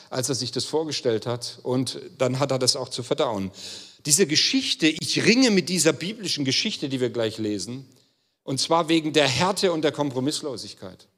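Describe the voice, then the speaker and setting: A man's voice: fairly high pitch, animated, normal speed, fairly bright tone. A man preaching a sermon as pastor, speaking earnestly and emphatically straight to his listeners. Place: church hall. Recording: long church-hall reverb.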